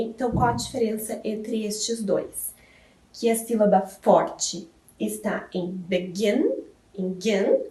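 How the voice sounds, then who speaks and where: A woman's voice: a little high, warm tone. A woman with a Brazilian Portuguese accent explaining English grammar as a teacher, patient and checking in with tag questions. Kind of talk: classroom explanation. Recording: echoey room, mic at a distance.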